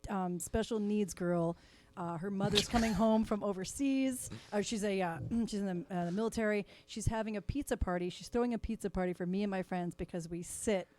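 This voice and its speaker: A middle-aged woman comedian telling stories in casual chat, laughing often and acting out lively quoted voices. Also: medium pitch, a little fast. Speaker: comedian guest. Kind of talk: casual storytelling. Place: podcast studio.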